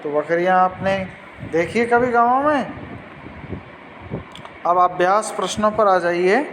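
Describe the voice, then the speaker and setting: A man's voice: high-pitched, expressive, a little slow, a bit bright, long reverb tail, a little hiss or hum, rough recording. A man teaching a Sanskrit lesson, patiently explaining words and asking pupils questions.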